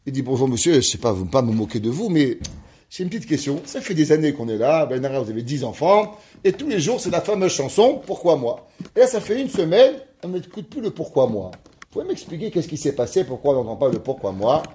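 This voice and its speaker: A man, a rabbi, teaching an ethics class and telling a story in a lively way, reading Hebrew passages aloud. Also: fairly high pitch, a little fast. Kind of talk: ethics lesson with a told story.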